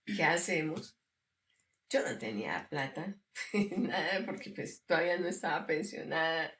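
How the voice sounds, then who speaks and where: An older woman telling her story in an interview, lively and often acting out what others said. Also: low-pitched, unhurried, a little hiss or hum. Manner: lively storyteller who acts out quoted dialogue and laughs often. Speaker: interviewee sharing a personal testimony. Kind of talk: conversational storytelling. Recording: roomy sound from a distant mic.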